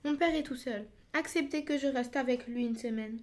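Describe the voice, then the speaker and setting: A woman voicing a gentle, earnest young heroine in a fairy-tale reading, speaking up and pleading. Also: high-pitched, normal speed, lightly acted.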